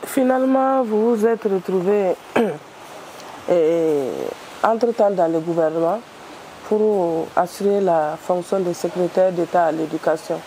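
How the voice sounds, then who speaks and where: Low, mellow-voiced woman interviewer. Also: measured pace, slight background noise, rough recording. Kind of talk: interview questions.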